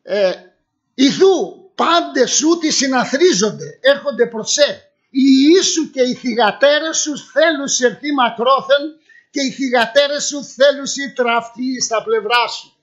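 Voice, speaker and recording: A man's voice: very high voice, a bit bright, muffled recording. A middle-aged male preacher giving a sermon, reading scripture aloud and answering his own rhetorical questions. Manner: reads scripture aloud then explains it. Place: church hall.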